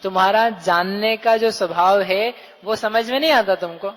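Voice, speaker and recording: A man's voice: high-pitched, moderate pace, fairly bright tone, big-room sound, poor audio. A man giving a Jain scripture discourse to a live audience, asking questions and acting out everyday speech. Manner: questioning, addresses listeners directly; acts out quoted everyday speech. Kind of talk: religious discourse.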